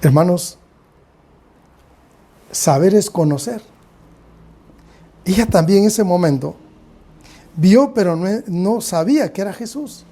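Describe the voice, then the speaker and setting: A Guatemalan man preaches a sermon in a fairly high voice. His tone is mellow and soft-edged. He keeps turning to address his congregation as brothers and sisters. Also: animated, slow pace, pauses often. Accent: Guatemalan Spanish. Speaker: pastor.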